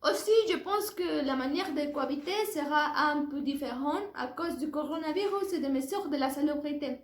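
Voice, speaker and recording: Speaking at normal speed in a high voice, a young Mexican-accented woman from Puebla, early 20s, a native Spanish speaker, carefully and formally delivers a prepared presentation for her French class. The audio echoes noticeably, as in a reverberant room.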